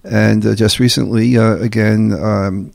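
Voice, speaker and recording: A man hosting a casual interview who speaks haltingly and fills his sentences with constant "uh" sounds. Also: lowish voice, level tone, creaky, a little mellow, dry recording. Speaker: interview host.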